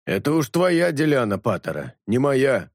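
Male narrator doing a wary, gruff street tough with a grumbling, jumpy delivery; dry close mic. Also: mid-range voice, big pitch swings, normal speed, dry recording, voice pushed up.

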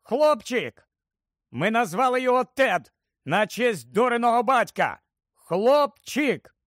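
A man voicing an excited middle-aged wizard who has just become a father, talking loudly in a raised voice. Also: sits high, unhurried, no echo, studio quality. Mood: overjoyed. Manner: loud, breathless joy, raised voice.

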